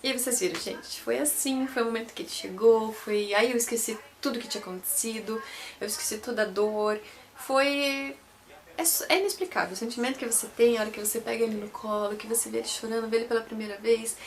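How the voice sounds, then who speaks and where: Woman, Brazilian Portuguese accent, young adult, chatty vlog storytelling, corrects herself often, high-ish voice. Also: fairly even intonation, fast. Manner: chatty, repeats and corrects herself, addresses viewers as gente. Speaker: vlogger. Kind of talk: personal storytelling to camera.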